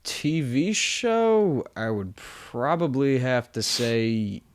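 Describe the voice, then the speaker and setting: A man chats casually as a podcast guest. He rambles, loses his thread and trails off, then jumps up in pitch and volume when something excites him. His voice sits at an ordinary male pitch. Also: takes it slowly. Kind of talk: casual chat.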